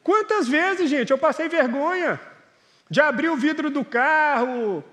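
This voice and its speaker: A high-pitched male pastor, preaching in a loose, conversational way. He mocks himself and acts out both sides of his stories. His voice rings through a large church hall with a long reverb tail. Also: expressive, measured pace, pushed and bright. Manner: conversational, self-mocking, acts out dialogue. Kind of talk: sermon with personal storytelling.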